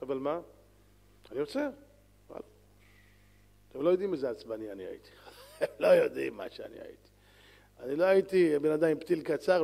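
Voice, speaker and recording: A man, a rabbi, giving a sermon in an animated, lively way, swinging between loud calls and soft pleading. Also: fairly high pitch, creaky. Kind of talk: Torah lecture sermon. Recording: long hall reverb.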